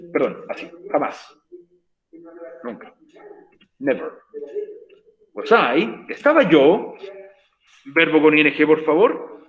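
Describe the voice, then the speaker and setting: A man's voice: fairly high pitch, roomy sound, dull audio. A man teaching an online English class, patient and encouraging, explaining step by step.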